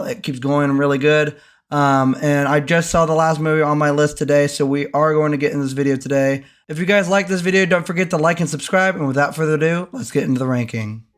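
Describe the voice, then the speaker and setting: A hoarse young man recovering from an illness, casually ranking the year's movies in a rambling, enthusiastic vlog full of ums. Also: a little high, fairly bright tone. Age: young adult. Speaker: movie reviewer.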